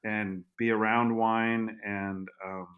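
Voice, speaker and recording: A man speaking as a guest on a podcast, telling a story in halting speech with many restarts. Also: on the low side, little pitch movement, phone-quality sound. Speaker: guest, vineyard owner. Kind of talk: casual interview.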